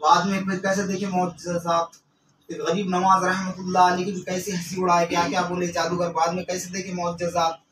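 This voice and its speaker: Stern high-voiced man preaching in an echoey room. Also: monotone, a little fast. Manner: scolding, emphatic, repeats warnings. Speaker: preacher and exorcist. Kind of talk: sermon. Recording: echoey, distant mic with faint ambient noise.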